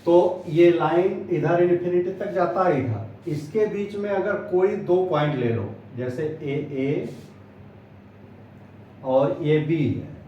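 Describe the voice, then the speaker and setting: Slow, echoey man teaching maths. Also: on the high side, slight background noise. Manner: slow, pausing, points while explaining. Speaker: maths tutor. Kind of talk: classroom lesson at a board. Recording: echoey, distant, dull lo-fi sound.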